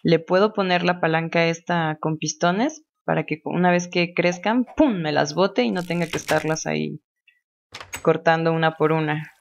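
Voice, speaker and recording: A woman's voice: sits low, normal speed, vocal fry. A woman chatting casually as she plays a video game, thinking aloud and laughing often. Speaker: gamer. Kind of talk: casual gameplay commentary. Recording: dull lo-fi home recording.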